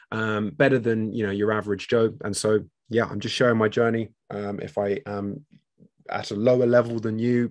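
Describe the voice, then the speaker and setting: A man's voice: lowish voice, darkish tone, no room sound, studio quality. A man hosting a casual crypto analysis video, chatty and self-deprecating with frequent ums, slightly out of breath. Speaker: crypto channel host. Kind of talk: casual screen-share analysis.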